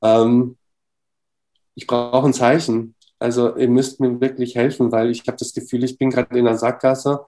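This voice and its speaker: A middle-aged man telling a personal story in an interview, lively and full of fillers, acting out the dialogue as he goes. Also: medium pitch, moderate pace. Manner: animated, acts out dialogue, many fillers. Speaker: interview guest. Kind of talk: casual storytelling.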